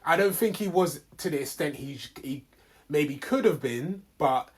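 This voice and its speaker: A man's voice: fairly high pitch, lively intonation, a little slow, husky. A man with an urban London roadman accent co-hosting a casual film review, talking in street slang. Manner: slangy, with bruv and man dem. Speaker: podcast co-host reviewing films.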